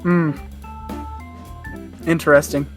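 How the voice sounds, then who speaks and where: Speaking slowly in a level, mid-range voice, this podcast panelist jokes, riffs, and rambles through speculation in a casual group conversation. Guitar music plays under the close, dry recording.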